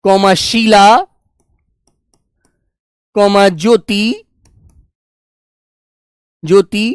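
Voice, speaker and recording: A man teaching a grammar lesson, dictating slowly and repeating phrases word by word, fondly reassuring his students. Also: high-pitched, clean tone, dry recording, clean studio sound. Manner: fond, reassuring, calls students "dear children". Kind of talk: classroom lesson with slow dictation.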